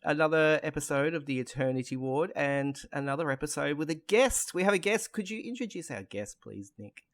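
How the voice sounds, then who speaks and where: A man's voice: a little high, expressive, fairly quick. A man co-hosting a podcast in casual, bantering chat. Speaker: podcast co-host.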